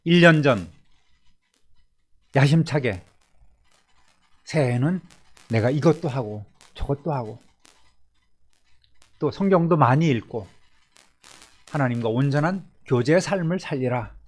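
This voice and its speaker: A male pastor giving a Sunday sermon, swinging between emphatic rises and soft, low endings. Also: animated, a little slow, long pauses. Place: church service.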